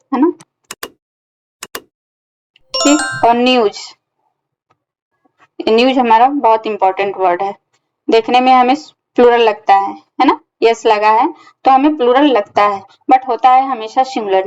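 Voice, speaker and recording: A woman teaching English grammar in a recorded lesson, patiently explaining and checking understanding, reading example sentences slowly. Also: fairly high pitch, a little mellow, highs cut off. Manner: patient, repeats points and checks understanding with tag questions.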